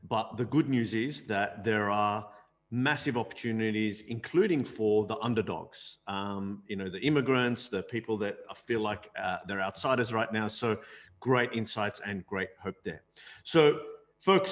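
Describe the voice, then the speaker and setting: A man hosting an online event, thanking a speaker and addressing the audience directly in an upbeat way. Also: on the low side. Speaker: event host.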